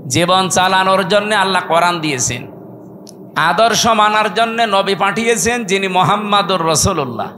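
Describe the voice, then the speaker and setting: A man with a Bangladeshi accent preaches over a public-address system. His voice sits high, with a bright, hard edge. He exhorts his listeners like a fiery sermon-giver, firing rhetorical questions and demanding that they respond. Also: normal speed, slight background noise. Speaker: Islamic preacher.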